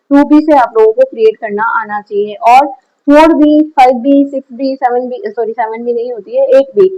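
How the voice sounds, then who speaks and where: Woman art teacher, kinda high voice, patient, keeps checking if it's clear. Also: a little mellow, poor audio. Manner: patient, repeats questions to the class and answers them herself. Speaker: drawing teacher. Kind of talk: step-by-step art lesson.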